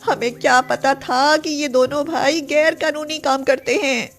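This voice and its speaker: A woman voicing a rich sister in a panic, shrill and wailing. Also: fairly even intonation, a little slow, faint music behind. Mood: panicked. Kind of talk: storybook voice acting.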